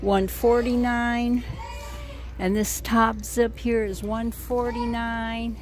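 Filming on a handheld phone inside a retail outlet store, a woman vlogs a casual shop-with-me, slowly musing aloud and reading off prices as she browses. Her voice is on the high side with a flat delivery, and store music plays behind her.

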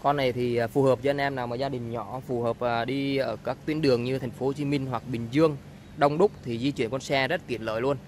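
A man giving an informal, halting sales walkaround of a used car, often repeating himself. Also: mid-range voice, fairly even intonation. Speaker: used-car seller presenting a car. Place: outdoors on a street beside a car. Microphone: handheld camera, speaker behind it. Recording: outdoor ambient noise.

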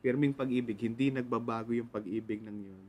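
A man's voice: mid-range voice, fairly even intonation, brisk, a little mellow. Earnest Filipino man preaching devotionally. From Philippines. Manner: earnest, mixes Tagalog and English, polite "po". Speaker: radio pastor. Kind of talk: devotional sermon.

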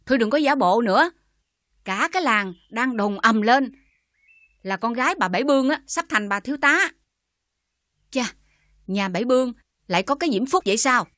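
An actress with a Southern Vietnamese accent playing a bitter older mother who scolds her daughter with sharp sarcasm. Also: a little high, lively intonation, normal speed, long pauses, dry recording, studio quality. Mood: scornful anger.

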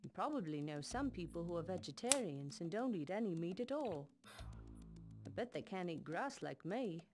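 A woman's voice: mid-range voice, close to an everyday voice. Woman doing a cheery plant-eating critter in a kids game, bouncy voice, music under it. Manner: playful, explaining to children. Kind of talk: educational game voice acting.

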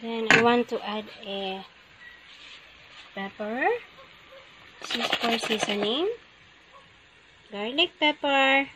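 A woman's voice: a little high, slow, pauses often, heavy background noise. A woman with a Filipino accent, chatting casually to viewers while cooking in her home kitchen, filmed on a handheld phone. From Philippines. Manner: chatty, addresses viewers as guys, frequent wow and yummy. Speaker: cooking vlogger. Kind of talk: casual cooking vlog narration. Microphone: handheld phone camera.

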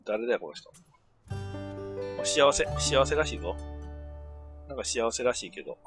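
A man's voice: medium pitch, lively intonation, normal speed, fairly bright tone, faint music behind. A middle-aged man, muttering and grumbling his way through casual game commentary with sudden outbursts. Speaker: gameplay commentator.

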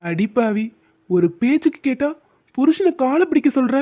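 A doting young husband from a cartoon, pitched a little high. He coaxes and teases with playful scolding. The sound is thin and tinny, like a phone line. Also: very animated, normal speed. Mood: teasing. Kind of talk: cartoon dubbing.

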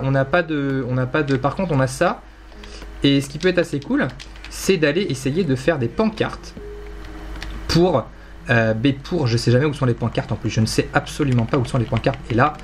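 A man's voice: fairly high pitch, slight background noise. A young man casually commenting on his Minecraft gameplay, rambling playfully, teasing and mocking himself. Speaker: gaming YouTuber.

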